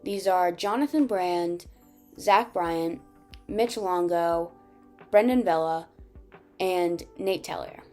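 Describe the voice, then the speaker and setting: A woman's voice: fairly low pitch, slow pace, long pauses, darkish tone, faint music behind. A young woman reading an earnest scripted narration and asking interview questions. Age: young adult. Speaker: student video host and interviewer.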